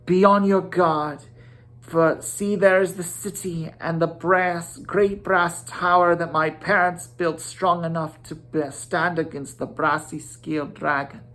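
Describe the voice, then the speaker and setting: A woman's voice: on the low side, steady tone, unhurried, fairly bright tone, voice pushed up. A reader voicing a noble young lady in a storybook tale, earnest and exclaiming in a theatrical way. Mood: earnest, urgent.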